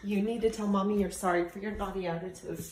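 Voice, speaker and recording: A woman's voice: medium pitch, fairly even intonation, fast talker, a little mellow, slight background noise. A young woman, a mother, teasing and coaxing her son at home in a casual video. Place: home indoors. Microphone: phone camera.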